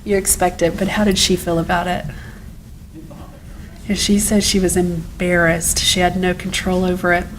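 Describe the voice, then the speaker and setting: A woman's voice: on the low side, a little hiss or hum, rough recording. A woman lecturer talking through cases and asking her audience questions. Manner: chatty, asks the audience questions. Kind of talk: recorded lecture.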